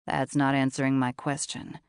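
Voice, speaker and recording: A woman voicing a brooding, cynical, mysterious man in an audiobook, speaking low, blunt and dismissive. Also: little pitch movement, moderate pace, clean tone, no echo, clean studio sound. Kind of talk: audiobook character voice.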